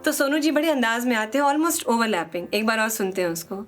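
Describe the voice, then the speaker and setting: A woman teaching a song, explaining quickly in speech and singing phrases slowly to demonstrate. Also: a little high, soft background music.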